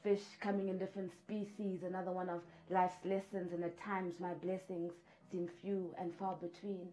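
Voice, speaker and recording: A woman's voice: on the low side, little pitch movement, normal speed, low-quality recording. A middle-aged woman performing spoken word poetry in a studio, with rhythmic delivery and repeated refrains that build in force. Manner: rhythmic, repeating refrains, rising to loud intensity. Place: studio with patterned backdrop.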